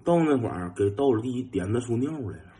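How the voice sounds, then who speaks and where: A young man with a Northeastern Mandarin accent telling a funny anecdote in a lively, casual way, mimicking engine noises and chuckling. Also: mid-range voice, quick pace. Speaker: storyteller.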